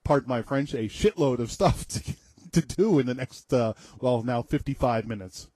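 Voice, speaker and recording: A man co-hosting an internet radio show in casual chat, jokey and quick to laugh, stumbling over his words. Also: mid-range voice, a little mellow, no echo.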